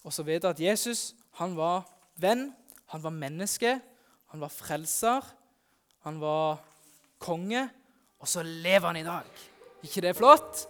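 A man, a youth pastor, telling the Easter story in first person at a family church service, lively and exclaiming as he talks to the children. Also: on the high side, pauses often, clean tone.

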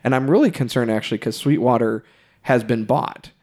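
A man hosting a casual podcast conversation, speaking in a thoughtful, measured way. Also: medium pitch, a little mellow. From Texas. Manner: thoughtful, measured, occasional laughs. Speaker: podcast host, music store employee.

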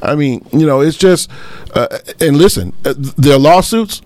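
A man co-hosting a radio show, talking casually about politics in a halting way that repeats phrases. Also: on the high side, lively intonation, a little mellow, no echo.

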